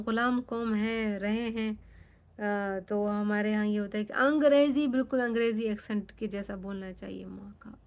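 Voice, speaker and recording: A young Pakistani woman, a native Sindhi speaker with a Sindhi accent, chatting frankly and casually as a vlogger, dropping English phrases into her talk. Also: mid-range voice. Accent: Sindhi-accented Urdu. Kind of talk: casual chat.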